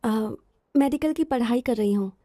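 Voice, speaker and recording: An actress playing a spirited young woman studying medicine, dubbing a film with insistent, lively delivery. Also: fairly high pitch, moderate pace, faint music behind, natural voice. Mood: polite. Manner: spirited, insistent about her name. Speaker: medical student. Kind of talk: Hindi film dub.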